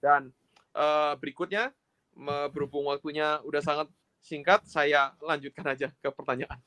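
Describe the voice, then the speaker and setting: A man's voice: a little high, fairly even intonation, moderate pace, sharp tone. A man hosting an interview, asking questions in a casual, conversational way with loose fillers. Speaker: host.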